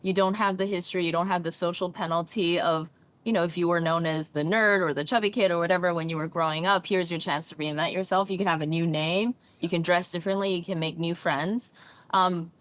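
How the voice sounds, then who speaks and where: In this reflective interview, a therapist and coach from China, middle-aged, talks with a lowish, brisk voice and a faintly American-tinged English accent. She comes across as thoughtful yet animated, frequently adding "right?".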